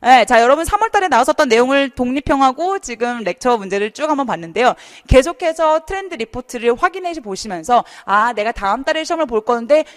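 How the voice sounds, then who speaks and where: A young adult woman teaching a TOEFL class online, chatty and lively, often asking students questions. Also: high-pitched, fast, hardly any pauses, big-room sound. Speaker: TOEFL instructor. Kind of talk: online lecture.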